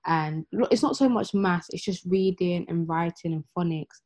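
Low mellow woman, lo-fi sound. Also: normal speed. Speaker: mother of a school child. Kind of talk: casual group discussion. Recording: dull lo-fi sound.

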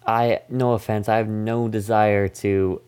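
A man's voice: fairly low pitch, little pitch movement, measured pace, crowd noise. A man hosting a casual movie review podcast, recapping the plot in a goofy, rambling way. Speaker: podcast host.

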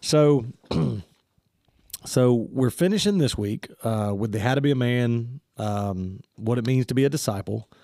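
Expressive and warm at a medium pitch, this man hosts a church podcast in clean studio sound with no echo. He's congested and friendly, speaking casually with frequent fillers that make him halting.

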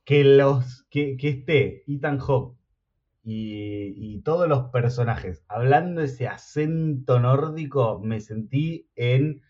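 A man's voice: mid-range voice, slow, a little mellow, muffled recording. A man arguing his point in a casual film podcast, pressing with repeated rhetorical questions.

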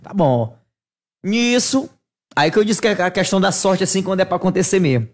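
High-voiced man telling lively anecdotes. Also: fairly quick. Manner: animated, laughing, self-mocking anecdotes. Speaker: podcast guest. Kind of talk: casual storytelling.

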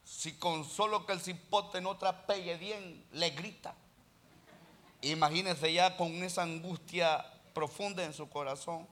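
A man preaching a sermon with passion, calling his listeners brother and rising into loud stretches. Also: on the high side, steady tone, a little slow. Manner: impassioned preaching, addresses listeners as brother, rises to loud passages. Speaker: pastor.

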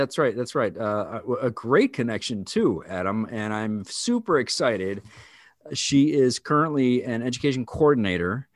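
Middle-aged male principal as chatty co-host, animated, bouncy pitch, dry close sound. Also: no room sound. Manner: enthusiastic, repeats himself. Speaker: podcast co-host and school principal. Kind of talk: casual podcast chat.

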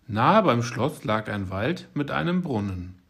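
A man's voice: medium pitch, sing-song, a little slow, gravelly, a bit bright. Man reading a fairy tale aloud. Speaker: narrator.

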